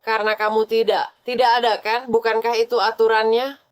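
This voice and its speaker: A woman with a fairly high-pitched voice, sounding drunk. She challenges and taunts the officers around her, keeping up a combative argument at a traffic stop. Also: level tone, brisk, clean tone, no echo, clean studio sound. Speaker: detained driver, intensive care nurse. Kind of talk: heated confrontation with police.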